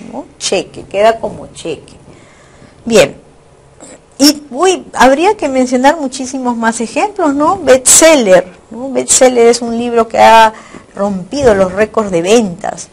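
A woman's voice: on the high side, darkish tone. A woman teacher giving a recorded online lecture, explaining carefully, repeating and rephrasing her points and often checking in with her students. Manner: explanatory, frequent tag questions.

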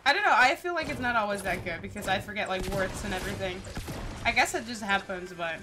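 A woman's voice: medium pitch, lively intonation, fast, music in the background. A young Dutch woman with a Dutch accent, chatting casually and laughing while she streams a game and reads her chat aloud. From Netherlands. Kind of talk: casual gameplay livestream chatter. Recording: clear background noise.

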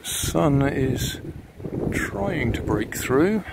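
A man's voice: mid-range voice, lively intonation, drawn-out words, gravelly. An older man chats casually and unhurriedly, vlogging outdoors on a windy seafront. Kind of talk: casual outdoor vlog commentary. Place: outdoors on a windy seaside breakwater. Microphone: handheld camera microphone. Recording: wind noise buffeting the microphone outdoors.

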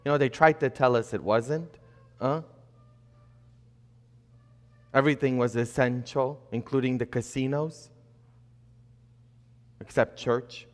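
Inside a church sanctuary, a middle-aged priest gives a sermon from the pulpit in an unhurried mid-range voice, pausing often while he builds emphasis and asks rhetorical questions. A fixed camera set back from the pulpit records him, and the hall's long reverb hangs over everything.

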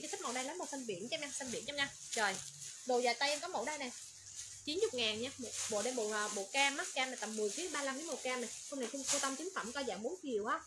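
A woman running a livestream clothing sale, rattling off colors, sizes and prices in quick, repetitive patter. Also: high-pitched. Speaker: online clothing seller. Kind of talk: livestream sales pitch. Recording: noisy background.

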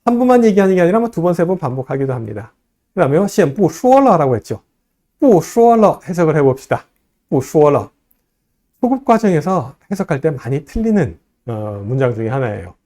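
A man lecturing on Chinese, reading each line slowly before translating it and acting out quoted dialogue. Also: sing-song, mellow. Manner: reads Chinese lines slowly, then translates; acts out quoted lines in a higher, livelier voice. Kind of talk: explaining an ad scene line by line.

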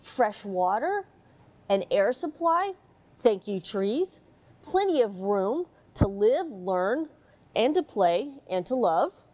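A middle-aged woman astronaut from the U.S. reads a picture book aloud to children in a space station module, pausing between pages for casual chat. Her medium-pitched, mellow voice is very animated, and she takes it slowly.

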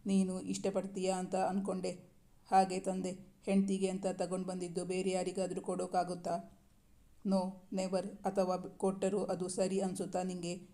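A woman voicing a young husband who gently coaxes and teases his wife in a storybook reading. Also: fairly low pitch, monotone, moderate pace, lightly acted. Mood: teasing. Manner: coaxing, gently teasing. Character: young loving husband, teasing and tender.

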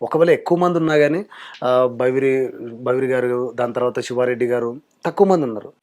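A man's voice: medium pitch, fairly quick, darkish tone. A man, a mimicry artist talking frankly in a casual interview.

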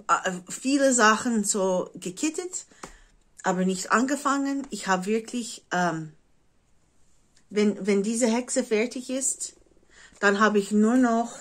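A woman in her forties from the United States, a native English speaker with an American English accent in her German, chatting casually to camera and often pausing to search for words. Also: mid-range voice, a bit bright, slight background noise. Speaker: craft vlogger. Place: living room at home, indoors.

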